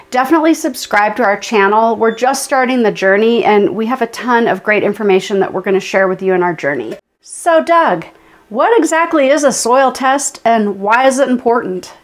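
Upbeat woman with a higher voice, on camera. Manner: friendly, upbeat, direct address. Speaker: homesteading channel co-host. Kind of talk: scripted explainer to camera. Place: home kitchen indoors.

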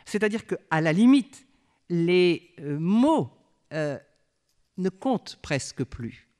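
A woman giving a university literature lecture in a measured, thoughtful way, pausing as she explains and reciting verse slowly. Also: lowish voice, very animated, warm tone. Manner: measured, thoughtful, pauses often with fillers while explaining; recites poetry aloud in a slow, lyrical way.

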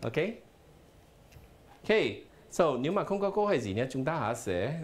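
A man's voice: fairly high pitch, sing-song, normal speed. A man teaching a live televised language lesson in a studio, explaining patiently and spelling words out letter by letter. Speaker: English teacher.

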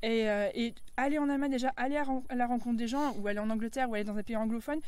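A woman from France chatting as an interview guest, lively and full of fillers. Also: a little high, very fast, smooth, no room sound. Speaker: guest, language learner. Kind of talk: casual interview chat.

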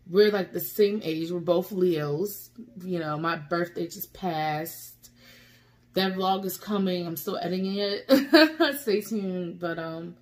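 A woman vlogger talking tearfully and from the heart, rambling and encouraging her viewers after reacting to a song. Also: lowish voice. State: tearful, emotional. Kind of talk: emotional casual vlog talk.

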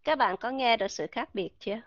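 A woman teaching a live online pronunciation lesson, patient and slowly repeating sounds to demonstrate them. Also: a little high, dry recording. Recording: dry, muffled online voice chat audio.

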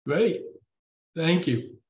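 A man's voice: a little high, lively intonation, extremely slow, a little mellow, roomy sound. A man hosting, adding brief agreeing remarks.

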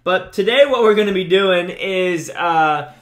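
A young gaming YouTuber with a high, slightly bright voice talks a little slowly as he plays a mobile game. His commentary is chatty and upbeat, peppered with fillers and restarts.

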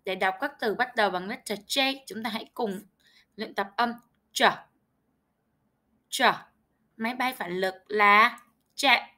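A Vietnamese woman teaching English words to young children, saying each word twice, slowly and distinctly, and giving instructions in Vietnamese. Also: medium pitch, sharp tone. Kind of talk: slow, clear vocabulary drill with repetition.

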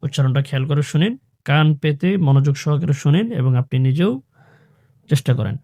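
A man teaching Quran pronunciation, chanting phrases slowly and then explaining in a quick, lower voice. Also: expressive, mellow. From Bangladesh. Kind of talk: slow drawn-out recitation drills with quick spoken instructions.

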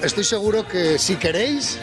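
A man's voice: high-pitched, lively intonation, normal speed. Male ski instructor, patient explainer, outdoors with music under. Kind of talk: instruction in interview. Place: outdoors on a lake. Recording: outdoor, music loud behind.

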